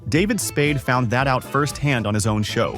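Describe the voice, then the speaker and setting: A man's voice: medium pitch, animated, normal speed, a bit bright. A man reading hyped-up scripted narration. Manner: upbeat, hyped-up delivery. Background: faint background music.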